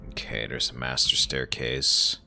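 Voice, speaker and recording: Male let's play host, extremely low and creaky, conversational, reading on-screen text over game music. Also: level tone, unhurried, sharp tone. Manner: offhand, conversational. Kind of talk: gameplay commentary mixed with reading game text aloud.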